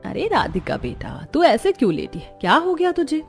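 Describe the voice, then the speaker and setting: A woman's voice: high voice, huge pitch swings, moderate pace, gravelly, faint music behind, heavily acted. A woman voicing a kind, caring middle-aged mother-in-law who speaks soothingly but firmly. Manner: soothing, gently firm. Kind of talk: cartoon story voice acting.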